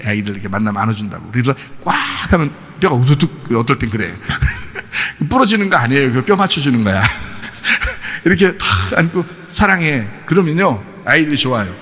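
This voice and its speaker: Lively Korean pastor in a reverberant hall. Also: male voice, medium pitch, brisk, slight background noise. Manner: animated, acts out family quarrels; folksy, shifts between polite and casual speech. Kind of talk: sermon. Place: church sanctuary.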